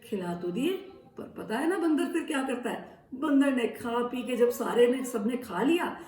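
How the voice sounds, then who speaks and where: A woman telling a children's story in a lively, expressive, playful way. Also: on the high side, unhurried. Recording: echoey room from a distance.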